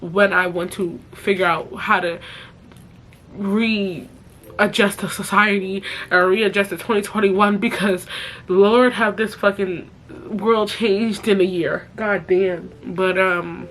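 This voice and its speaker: A young woman talks straight into a close camera, her voice thick and stuffy from crying. She keeps her voice low but stays blunt and profane as she vents. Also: fairly even intonation, takes it slowly, a little hiss or hum. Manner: speaks softly while crying. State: tearful, stuffy nose. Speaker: influencer. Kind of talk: emotional confessional vlog.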